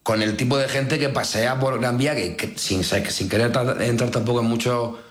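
A man chatting casually in a studio, deadpan and rambling, often restarting his sentences. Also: mid-range voice, moderate pace. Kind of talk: casual comedic chat. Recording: roomy echo.

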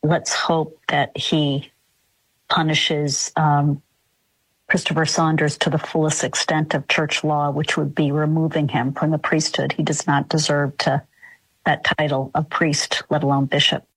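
Woman, advocate, husky voice, flat firm delivery, dry sound. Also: low-pitched, a little slow, no room sound, poor audio. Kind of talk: interview clip.

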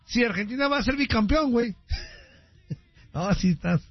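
Mexican male radio host, joking banter, high voice, muffled dry broadcast. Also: animated, moderate pace, breathy edge, no room sound. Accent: Mexican Spanish. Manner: joking, teasing, crude banter. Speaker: radio host reading listener messages. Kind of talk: casual call-in radio chat. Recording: dull, dry radio sound.

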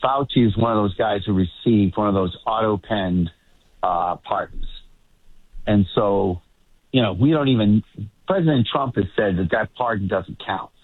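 A middle-aged man with a fading Boston accent speaks in a lowish voice at a moderate pace, with no echo. He chats casually and a bit hesitantly as a Washington correspondent calling in as a guest to a radio show. The remote line sounds tinny and band-limited.

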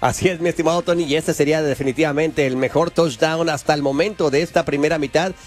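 A man's voice: on the high side, fairly even intonation, fast. A man working as a radio sports commentator, doing American football play-by-play and analysis.

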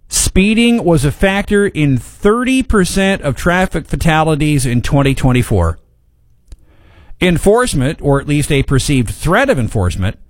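Smooth high-voiced male radio host. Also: dry recording. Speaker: local radio morning host. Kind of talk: morning radio news and chat. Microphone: studio microphone.

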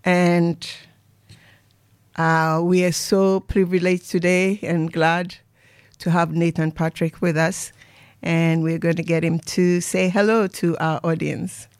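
A woman's voice: fairly low pitch, little pitch movement, slow, clear, resonant tone, no echo, clean studio sound. Woman radio host prompting her guest. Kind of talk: radio interview.

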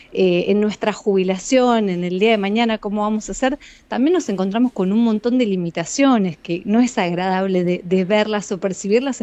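An Argentine woman psychologist answering interview questions in a measured, explanatory way, often speaking straight to the listeners. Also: medium pitch, a little mellow. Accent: Argentine Spanish. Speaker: psychologist and author, guest.

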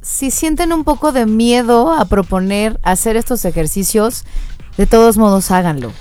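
A woman's voice: a little high, animated, moderate pace, darkish tone, soft background music. A woman co-hosting a casual talk show with a Mexican accent, prompting the guest in a friendly way. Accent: Mexican Spanish. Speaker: co-host.

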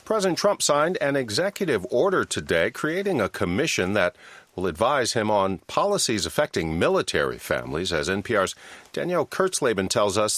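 A man's voice: medium pitch, a bit bright, no echo. A man with an American accent anchoring a scripted radio newscast. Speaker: news anchor. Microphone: close studio microphone.

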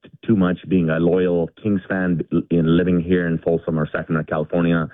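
Low-voiced caller on a tinny phone line. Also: male voice, little pitch movement, fairly quick, dry recording. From India. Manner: rambling, many fillers and restarts. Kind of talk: casual call-in chat. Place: home garage.

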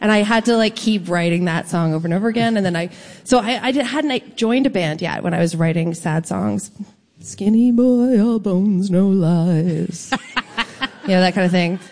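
On a theater stage before an audience, a playful woman in her 50s from Toronto, Canada, chats and laughs as a musician guest in a live interview. She jokes around in a mid-range, slightly mellow voice at a moderate pace.

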